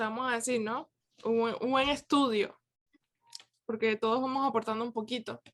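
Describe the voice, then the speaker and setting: A woman leading a youth Bible class on a video call, talking in a relaxed way with many pauses and restarts. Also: fairly high pitch. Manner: conversational, with many fillers and restarts. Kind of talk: casual reflective teaching.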